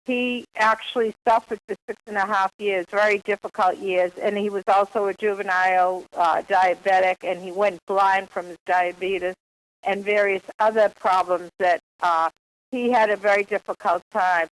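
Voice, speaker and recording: A woman's voice: mid-range voice, steady tone, moderate pace. An older woman with a Boston accent telling her life story as an author being interviewed, in a reflective, wordy way over a phone line.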